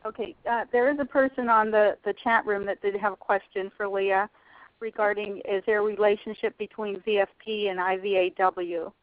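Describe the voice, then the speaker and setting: Female call moderator, polite and a bit halting, mid-pitched, on a dry, narrow phone connection. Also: fairly even intonation, dry recording. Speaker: host of a conference call. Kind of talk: moderating a question session. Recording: tinny, narrowband phone line.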